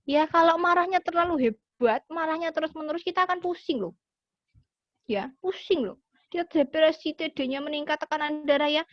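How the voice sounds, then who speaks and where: A woman giving a lively lesson to schoolchildren, acting out little example phrases as she explains. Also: high-pitched, normal speed, no echo. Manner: animated, acts out example phrases. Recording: dull, dry lo-fi sound.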